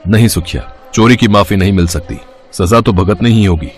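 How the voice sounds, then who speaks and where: A man voicing a stern male station master in a cartoon story, speaking slowly and gravely. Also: fairly low pitch, close to an everyday voice.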